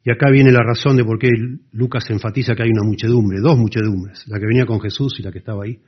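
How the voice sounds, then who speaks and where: Earnest low-voiced preacher, husky and muffled. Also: male voice, fairly even intonation, fast talker. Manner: earnest, expository, drops to soft emphasis. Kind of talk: sermon. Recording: dull lo-fi sound.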